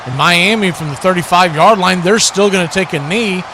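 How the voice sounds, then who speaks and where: At an ordinary pace, a man with a distinctly high voice gives live play-by-play for an American football game. Background noise is clearly audible behind him.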